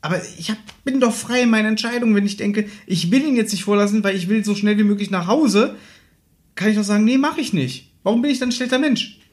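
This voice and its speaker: A man's voice: sits high, fast talker. A man co-hosting a casual chat, telling a story and defending himself in an argumentative way. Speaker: podcast co-host.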